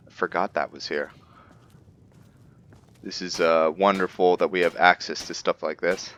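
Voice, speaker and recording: With a low, a bit bright voice at normal speed and fairly even intonation, a gamer talks through his roleplay playthrough casually, thinking aloud. The slightly muffled recording carries light background noise and game music.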